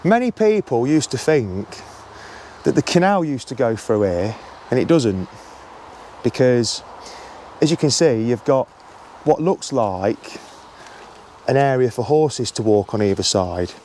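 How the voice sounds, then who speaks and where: An English man with an East Midlands accent guides a casual local history walk. He is chatty and keen, speaking at a medium pitch. He is outdoors beneath an old bridge with faint noise and traffic around him. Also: lively intonation, a little slow, a little mellow. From Leicestershire, England. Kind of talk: casual walking history vlog.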